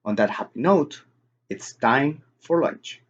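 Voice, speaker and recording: Male reader doing a patient, dry-witted middle-aged teacher, measured lecture delivery, mid-pitched, dull recording. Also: lively intonation. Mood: lecturing.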